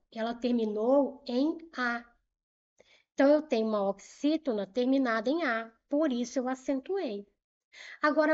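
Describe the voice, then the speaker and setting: A woman's voice: high voice, a little mellow, muffled recording. A woman with a Brazilian Portuguese accent teaching a grammar lesson for exam prep, patiently repeating rules and asking and answering her own questions.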